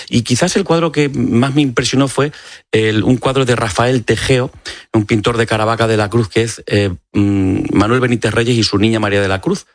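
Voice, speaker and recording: Heard through a studio microphone, this Extremaduran eye doctor from Spain is a guest in a radio interview, with a mid-range voice and a dry recording. His explanations are full of fillers and false starts.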